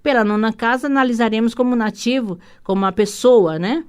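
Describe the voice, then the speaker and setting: A woman's voice: on the high side, clean tone. A Brazilian woman hosting a radio talk show, explaining astrology in a rambling way, with many restarts and tag questions. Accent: Brazilian Portuguese. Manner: rambling, warm asides with frequent "né?" tags; hurried, many restarts and repeated words. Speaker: radio show host and holistic psychotherapist.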